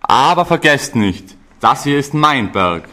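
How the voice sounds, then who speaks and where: A man's voice: mid-range voice, sing-song, measured pace, sharp tone, slight background noise. A man playing a blustering greedy tengu. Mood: gruff. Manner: blustering, boastful. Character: greedy long-nosed male tengu goblin. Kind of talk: amateur musical theatre reading.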